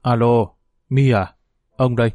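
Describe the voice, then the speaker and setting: Anxious old grandpa in a storybook, read by a man, dark tone, dry. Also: medium pitch, steady tone, a little slow, dry recording, lightly acted. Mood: worried. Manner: urgent questioning. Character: elderly grandfather, anxious and worried.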